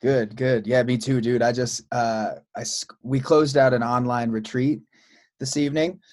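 A man hosting a podcast, talking in a relaxed, loose way with many fillers and restarts. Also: medium pitch, normal speed, no echo, studio quality. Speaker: podcast host. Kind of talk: casual podcast chat.

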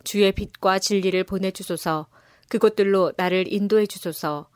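A woman giving a measured, solemn scripture reading. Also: medium pitch, darkish tone, clear, resonant tone, no room sound, studio quality. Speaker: scripture reader.

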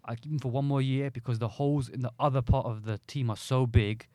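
A man's voice: medium pitch, fairly even intonation, a little fast, a little mellow, no echo. A man with an urban London accent arguing football casually, in an insistent, slangy way. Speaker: football podcast guest.

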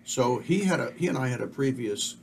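A middle-aged man talks casually as a podcast co-host, rambling and sure of his opinions. His voice sits at a middle pitch. A faint hiss runs underneath. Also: expressive, fairly quick, vocal fry. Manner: rambling, opinionated, self-assured. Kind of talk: casual chat.

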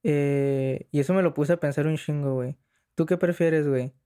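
A man's voice: on the high side, steady tone, moderate pace, warm tone, clear, resonant tone. A young man, hosting a casual, slangy conversation as the interviewer.

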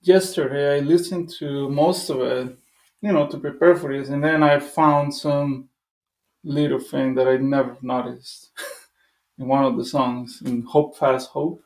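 A man's voice: medium pitch, steady tone, a little slow, roomy sound. A man from Costa Rica, a musician guest, talking loosely and eagerly in a casual interview. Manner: loose and enthusiastic, full of "like" and "dude".

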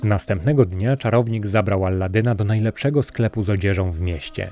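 Male fairy-tale narrator, mellow and low-pitched, measured delivery. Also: soft background music. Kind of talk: storybook narration.

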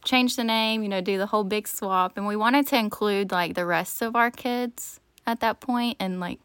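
A woman's voice: mid-range voice, moderate pace, fairly bright tone, clear, resonant tone, dry recording. Casting: woman co-host, rambling storyteller with many "like"s, dry, close sound. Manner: storytelling, heavy use of "like". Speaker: podcast co-host. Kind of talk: casual chat.

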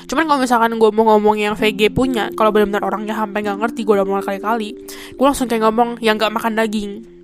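A woman's voice: mid-range voice, steady tone, fast talker. A young woman from Indonesia hosting a podcast, telling a story in a casual, chatty way full of fillers. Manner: chatty, full of fillers like "kayak" and "gitu kan". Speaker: podcast host. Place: a room in Taiwan.

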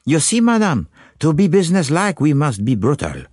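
A man reading an audiobook performs a full character voice, pushed up into a fairly high pitch that swoops wildly, for a fussy, courteous foreign detective who speaks precisely and drops French phrases. His delivery is normal speed, a little mellow with a breathy edge, in a dry, clean studio recording.

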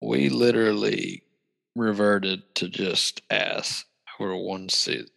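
A man's voice: lowish voice, steady tone, slow, vocal fry, fairly bright tone. A man co-hosting a casual sports podcast, emphatic and swearing, with vivid exaggeration. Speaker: podcast co-host. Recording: roomy echo.

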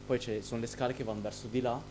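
Brief: young man, podcast co-host, animated slangy storyteller, mid pitch, noisy recording with a hum. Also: racing. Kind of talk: casual chat.

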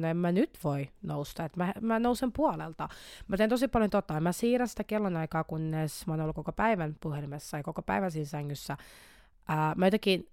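A woman's voice: lowish voice, no room sound, clean studio sound. A young woman hosting a podcast, talking candidly and animatedly about her own struggles, often restarting and repeating words and slipping English words into her speech. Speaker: podcast host. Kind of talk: candid personal podcast monologue.

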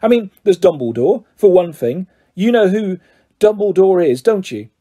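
Man playing an earnest, high-voiced schoolboy, Harry. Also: very animated, normal speed, warm tone. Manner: urgent, pleading, frustrated. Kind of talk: audiobook character voice.

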